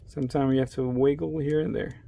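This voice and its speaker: A man's voice: medium pitch, fairly even intonation, fast, gravelly, warm tone. A man giving a casual, step-by-step phone repair demonstration at his workplace, chatting to viewers while he works with his hands.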